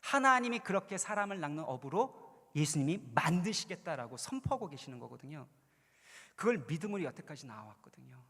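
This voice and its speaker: A man's voice: fairly high pitch, sing-song, fairly quick, fairly bright tone. A pastor in his forties giving a conversational, storytelling sermon at a youth retreat, building to earnest, emphatic points. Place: large church hall. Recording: long reverb in a large hall.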